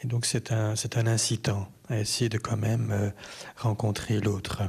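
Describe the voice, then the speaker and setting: Husky-voiced male bishop. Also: on the low side, level tone, a little mellow. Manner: thoughtful, pausing. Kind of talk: radio interview.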